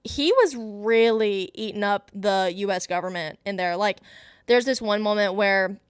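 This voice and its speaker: A woman's voice: medium pitch, unhurried, clean tone, no echo, studio quality. A woman hosting her own show, giving a casual, gushing movie review in a chatty way, full of fillers. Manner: gushing, enthusiastic fan talk. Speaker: host.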